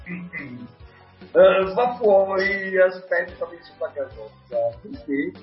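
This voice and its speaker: A man's voice: high voice, animated, drawn-out words, soft background music, heavily acted. An actor playing a father scolding his son with put-on sternness. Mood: stern. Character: father, stern but amused. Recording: roomy, slightly dull radio recording.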